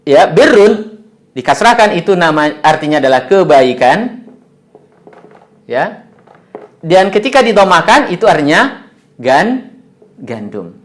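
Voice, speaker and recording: A man's voice: a little high, very animated, measured pace, pauses often. A man with an Indonesian accent teaching Arabic pronunciation in a video lesson, with many "ya" fillers as he models Arabic sounds.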